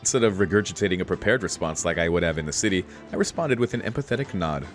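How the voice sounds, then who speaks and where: A let's play streamer reads a visual novel's text aloud in a low, expressive voice, speaking rapid-fire and tossing in relaxed, informal asides. Faint game music plays behind him.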